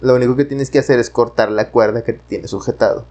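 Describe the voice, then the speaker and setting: A man with a Mexican Spanish accent voicing the hoarse voice of God, asking calm, plain questions. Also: mid-range voice, quick pace, muffled recording, natural voice. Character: deep-voiced God answering a stranded climber.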